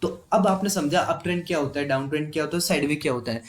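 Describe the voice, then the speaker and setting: A man's voice: on the high side, rapid-fire. A man teaching a live online trading class. He explains step by step and keeps checking with his students.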